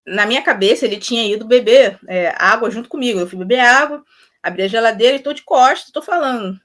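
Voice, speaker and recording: A woman's voice: a little high, quick pace. A young woman, telling spiritual stories casually, laughing often and acting out dialogue. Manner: animated, laughs often, acts out quoted dialogue. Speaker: spiritual content creator. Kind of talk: casual storytelling to camera.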